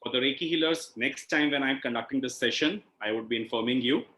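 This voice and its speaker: A fast-talking man with a sharp tone and a mid-range voice teaches over an online call, his Indian accent carrying through an echoey room. He hosts a healing session in a didactic manner, frequently tossing in a questioning "right?".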